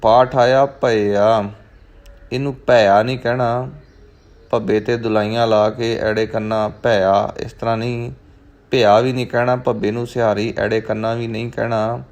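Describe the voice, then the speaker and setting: A man teaching scripture recitation, chanting each verse slowly and then patiently explaining how to pronounce it. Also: medium pitch, little pitch movement, a little mellow. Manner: measured, patient, repeats each word slowly for the learner. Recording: dull, muffled lo-fi sound.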